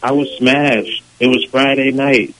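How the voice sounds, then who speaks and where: A man's voice: mid-range voice, steady tone, unhurried, crowd noise. A man taking a call and talking in a laid-back, mumbling, evasive way. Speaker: prank call target. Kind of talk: phone call. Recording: phone line.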